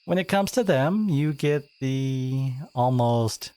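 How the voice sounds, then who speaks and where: A man voices a school bully in his teens, secretly hurt and caring, in a close audio roleplay. His mid-range voice is animated, smooth and dark in tone, and his halting, confiding delivery comes across as knowing and sardonic.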